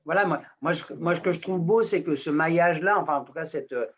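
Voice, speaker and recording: A man's voice: fairly high pitch, fast, breathy edge. A man moderating a webinar, offering praise that trails off. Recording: dull lo-fi audio.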